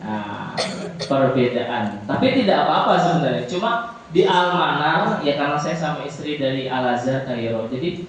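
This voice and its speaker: A man's voice: fairly high pitch, lively intonation, moderate pace, a little hiss or hum. A man from Jakarta teaching a religious lesson at a boarding school, demonstrating letter sounds with jokes. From Jakarta, Indonesia. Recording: very echoey hall, distant mic, faint ambience.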